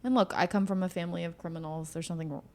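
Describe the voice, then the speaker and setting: This co-host speaks rapid-fire in a fairly low, steady voice with a dark tone. She offers blunt political opinions in short, declarative bursts during a casual podcast chat. Slight background noise is audible.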